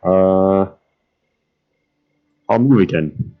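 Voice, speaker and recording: Low-voiced, hesitant male player. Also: drawn-out words, narrow, tinny audio. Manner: hesitant, thinks aloud as he moves. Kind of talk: casual tabletop play.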